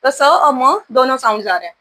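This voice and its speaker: A woman's voice: sits high, lively intonation, brisk, sharp tone. A woman with an Indian accent teaching English pronunciation, spelling each word out letter by letter and then saying it, repeating words as a drill.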